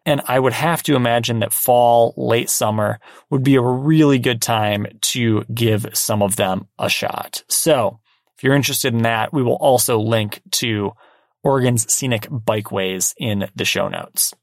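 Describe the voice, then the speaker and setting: A man co-hosting a casual podcast, talking in a relaxed, wry way with plenty of restarts. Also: medium pitch, measured pace, dry recording, studio quality. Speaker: podcast co-host. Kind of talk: casual chat.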